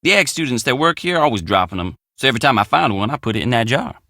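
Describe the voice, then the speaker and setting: Rapid-fire and animated, an actor delivers video game lines as a friendly young country handyman with an American drawl, folksy and plainspoken, easygoing and matter-of-fact. His mid-range voice has a sharp tone, in a dry, clean studio recording.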